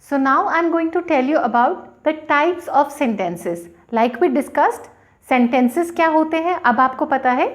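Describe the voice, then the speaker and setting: Slow, lively-pitched woman teaching English. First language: Hindi. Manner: slow, deliberate, spells out letters and syllables. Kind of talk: bilingual classroom explanation.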